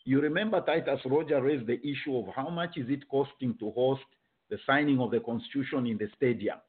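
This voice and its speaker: A male host from Zambia who talks his way through a point, restarting and circling back as he goes. His voice sits in an ordinary middle pitch. It comes through a narrow, phone-like line. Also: brisk. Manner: rambling, thinks aloud with many restarts. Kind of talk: panel discussion.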